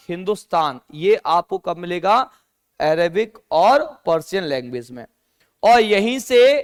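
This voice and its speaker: High-voiced man teaching a class. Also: clean tone. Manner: asks the class questions and answers them himself; mixes English words into Hindi. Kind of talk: classroom lecture.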